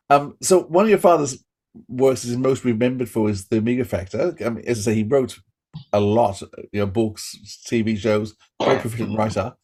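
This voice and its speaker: A middle-aged Australian man with a medium-pitched, slightly mellow voice hosts a casual interview as a podcast host. He talks eagerly, rambling and often restarting his sentences.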